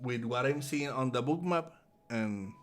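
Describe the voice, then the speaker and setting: Puerto Rican man, mid-range voice, relaxed live-stream trading commentary with faint music behind. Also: mid-range voice, unhurried. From Puerto Rico. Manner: casual, repeats words often while thinking aloud.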